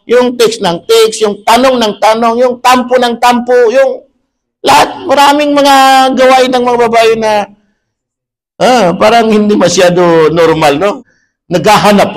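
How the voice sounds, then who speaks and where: A man with a fairly high voice delivers a religious sermon as a preacher. He explains his points patiently and repeats them. He recites Arabic verses at a slow, chanting pace.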